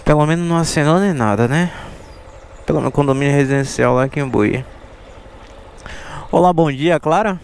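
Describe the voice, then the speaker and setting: A man's voice: a little high, normal speed, long pauses. A man in his thirties with a Bahian accent from Salvador, chatting casually and slangily as a motorcycle taxi vlogger. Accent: Bahian Brazilian Portuguese, Salvador. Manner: slangy, animated street talk. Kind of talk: casual vlog chat. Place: outdoors on city streets, mostly riding a motorcycle. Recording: outdoor noise, traffic and vehicle sounds.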